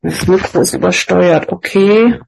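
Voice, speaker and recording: A man's voice: high-pitched, measured pace, creaky, darkish tone. A man talking hesitantly in an online group session, often checking for agreement, heard through an overdriven, scratchy computer microphone. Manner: hesitant, seeking agreement with tag questions. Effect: overdriven, scratchy clipping microphone. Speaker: participant in a spiritual group session. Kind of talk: casual online group talk. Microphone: poor computer microphone.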